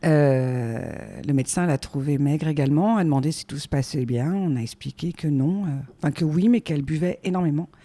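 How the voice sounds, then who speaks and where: A woman in her forties, a guest on her son's show, talking casually and hesitantly with many filler pauses. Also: deep voice, dark tone. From France. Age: 40s. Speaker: guest, the host's mother. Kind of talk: casual conversation.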